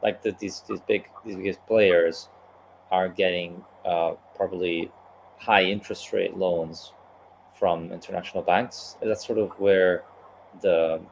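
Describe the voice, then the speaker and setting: A man interviewing a guest in casual conversation, chiming in with quick agreements and polite questions. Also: deep voice, fairly even intonation, vocal fry, a little hiss or hum, low-quality recording.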